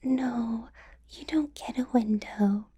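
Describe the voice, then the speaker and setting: In an ASMR roleplay, a woman plays a possessive, menacing female vampire boss, speaking in a slow, breathy whisper with soft teasing laughs. Her voice is a little high and the delivery heavily acted.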